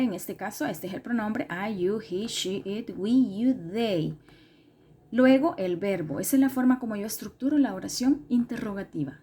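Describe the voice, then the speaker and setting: Lady teacher going over grammar rules, slow and patient, repeats stuff, fixes her own slips. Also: a little high, dark tone, husky. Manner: patient, repetitive, self-correcting explanations. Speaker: English teacher. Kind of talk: recorded classroom lesson explanation.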